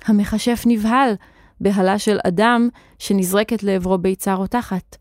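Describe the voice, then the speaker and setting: A woman narrating a children's audio story in an expressive, vivid reading. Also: mid-range voice, dry recording, clean studio sound.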